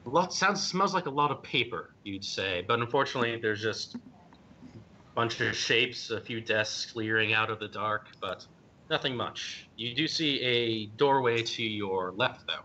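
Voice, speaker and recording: A man's voice: moderate pace, sharp tone. Hesitant man running a tabletop game. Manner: hesitant, many ums and uhs. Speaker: game master. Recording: dull lo-fi stream audio with faint rumble.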